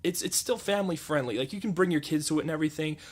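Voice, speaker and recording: Young male film reviewer, twenties, dry jokey sarcasm, slightly high voice. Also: rapid-fire, breathy edge. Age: 20s. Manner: sarcastic, joking. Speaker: movie reviewer. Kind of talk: comedic movie review.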